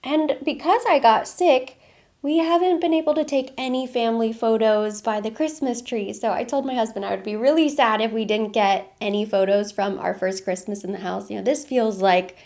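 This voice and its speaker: A woman's voice: on the high side, steady tone, moderate pace, darkish tone. A congested woman with a head cold, chatting upbeat and casually as a beauty vlogger doing her makeup. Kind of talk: casual get-ready-with-me chat.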